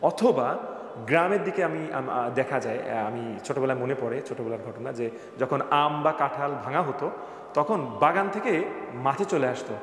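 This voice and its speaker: A man's voice: mid-range voice, normal speed, a bit bright. Jokey male teacher in an echoey classroom. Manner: playful, jokey, quizzes students by name. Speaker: English pronunciation teacher. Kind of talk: classroom lesson. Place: classroom with students. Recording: echoey room with long reverb, faint background noise.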